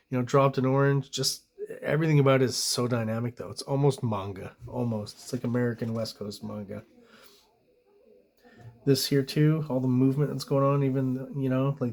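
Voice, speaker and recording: A man with an ordinary mid-range voice talks through comic book pages in a loose, casual way. He rambles, gropes for the right word and leans on ums and you-knows, but his enthusiasm for the artwork comes through. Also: mid-range voice. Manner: rambling, searches for words, frequent ums; enthusiastic about the art. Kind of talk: casual review commentary.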